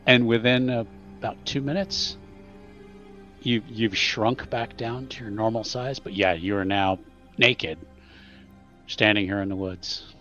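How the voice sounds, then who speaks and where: A man narrating as game master for a tabletop game, halting, with many ums and restarts. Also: on the low side, fairly even intonation, pushed and bright, dull audio, faint music behind.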